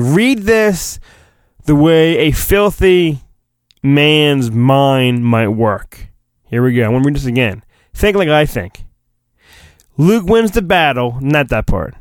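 With studio-quality sound and no echo, a podcast host gives a theatrical, mock-dramatic reading of a children's storybook in a fairly high voice. He often breaks off for cheeky, joking asides full of juvenile innuendo.

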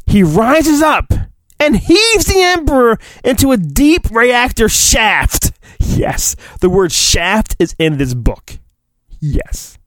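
A male podcast host with a high-pitched voice gives a mock-dramatic reading of a children's storybook, with no room sound on the recording. He's theatrical and keeps breaking off into cheeky asides full of juvenile innuendo.

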